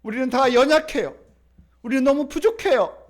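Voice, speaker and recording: A male pastor preaching to his congregation in a church. His voice sits unusually high. He delivers the sermon emphatically, repeating phrases and drawing answers from the pews. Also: fairly quick. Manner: emphatic, repetitive preaching with congregation call-and-response. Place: church sanctuary.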